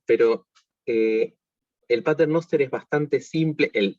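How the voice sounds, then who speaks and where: An Argentine man teaches a workshop over a video call, explaining patiently with frequent fillers and self-corrections. His voice sits fairly low, and the sound is dry and dull, like a lo-fi computer microphone. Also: no echo. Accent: Argentine Spanish. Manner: explanatory, with many fillers and restarts. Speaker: music teacher. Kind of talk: online workshop lesson.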